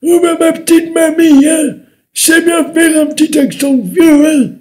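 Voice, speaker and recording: A man putting on the voice of a chatty little old man, high and quavery, during a live webcam chat. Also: steady tone, moderate pace, darkish tone. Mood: doting.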